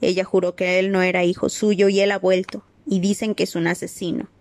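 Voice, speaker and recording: A woman's voice: mid-range voice, little pitch movement, brisk, no room sound, natural voice. A grumbling, spiteful old male house-elf, as a woman reader puts him on mutters under his breath and refers to himself in the third person. The storybook reading is dry and close, with no room around the voice. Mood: bitter muttering.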